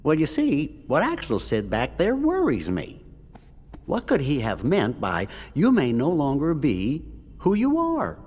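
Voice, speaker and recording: A man's voice: fairly high pitch, wildly swooping pitch, unhurried, darkish tone, heavily acted. A man voicing a fretful older male cartoon cricket who speaks carefully. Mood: worried. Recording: long hall reverb.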